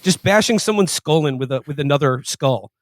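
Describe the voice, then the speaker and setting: A man cracks wry, crude jokes on a podcast. His voice is on the high side, and the sound is dry and close. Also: lively intonation, brisk, no room sound. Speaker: podcast co-host. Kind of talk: casual chat.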